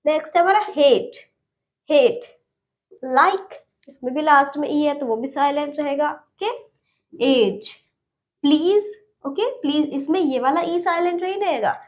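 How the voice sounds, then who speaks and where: A woman's voice: high-pitched, lively intonation, a little slow. A woman teaching an English lesson online, patiently repeating each word and closing every point with "okay".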